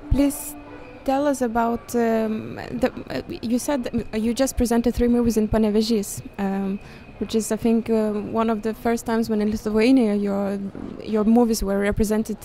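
Female interviewer, fairly high yet very mellow, searching phrasing, faint background bustle. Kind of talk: interview questions. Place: busy festival venue foyer, indoors. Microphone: handheld interview microphone. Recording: noisy venue ambience.

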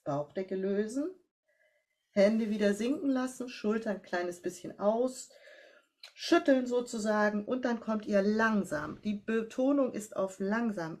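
A woman with a German accent who works as a voice coach, giving slow, calm step-by-step instructions in a breathing and posture exercise. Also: medium pitch.

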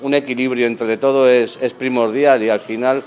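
A man's voice: medium pitch, level tone, normal speed, a little mellow. A man in his thirties, a restaurant manager, answering interview questions in a restaurant dining room, speaking earnestly with frequent fillers and restarts into a handheld mic. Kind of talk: on-camera interview. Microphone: handheld mic held by interviewer.

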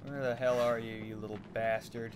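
A man's voice: mid-range voice, flat delivery, moderate pace, noisy background. A man hosting a let's play, chatting casually and swearing freely over gameplay. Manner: laid-back, swears freely.

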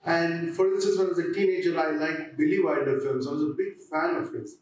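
A man talks reflectively on a panel, pausing and restarting often. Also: fairly high pitch, darkish tone. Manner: halting, with frequent pauses and restarts. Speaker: theatre practitioner on a discussion panel. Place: on stage in an auditorium. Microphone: handheld microphone. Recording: very echoey hall, distant, slightly noisy.

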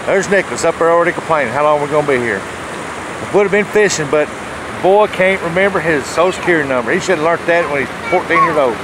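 Here's a fishing vlogger, a middle-aged man whose voice sits a little high, chatting plainly and folksily outdoors. The clip is a noisy phone video held at arm's length on a rocky riverbank, full of rushing water and outdoor ambience.

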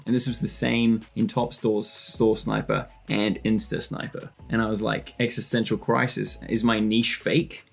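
A man's voice: on the low side, vocal fry, husky. A man presenting a casual screen-share tutorial, chatty, joking and self-deprecating as he clicks through.

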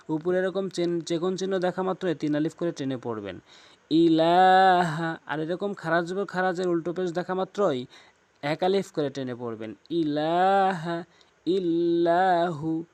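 A man teaching correct recitation, giving quick explanations of common mistakes between slow, drawn-out recited words. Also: fairly high pitch, dry recording. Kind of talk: tajweed lesson.

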